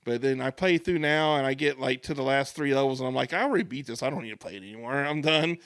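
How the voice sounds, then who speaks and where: A man's voice: mid-range voice, fast, a bit bright, dry recording, clean studio sound. A man in his forties, co-hosting a podcast, telling rambling nostalgic stories in casual chat. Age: 40s. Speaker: podcast co-host.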